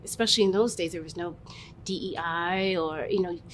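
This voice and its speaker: A woman telling personal stories as an interviewee in a thoughtful, conversational way. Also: fairly quick. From Massachusetts, US, West African parents. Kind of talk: reflective personal storytelling. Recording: noticeable background noise, low rumble.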